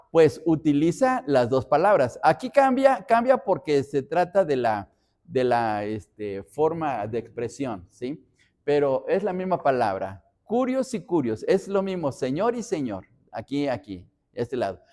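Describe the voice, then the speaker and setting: A Mexican pastor with a fairly high, mellow voice teaches a Bible study. He explains word by word and repeats phrases as he reads the references.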